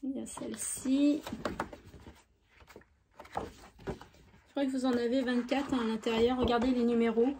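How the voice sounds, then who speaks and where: Chatty high-voiced woman showing crafts. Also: little pitch movement, a little slow, pauses often, background noise. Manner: chatty and enthusiastic, many fillers. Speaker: craft YouTuber. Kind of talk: casual product show-and-tell.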